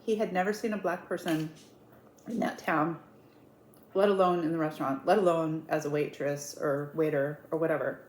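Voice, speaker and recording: An online storyteller in an eat-with-me video, a woman with a low, steady, slightly mellow voice at normal speed, tells a story casually and conversationally. She dramatically acts out who said what, repeating words for emphasis. The recording has a roomy echo and clear background noise.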